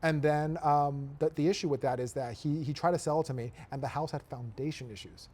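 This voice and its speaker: Fast-talking emphatic man investor. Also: on the high side, a little mellow. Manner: emphatic, repeats points for effect. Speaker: real estate investor, guest. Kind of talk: casual podcast conversation.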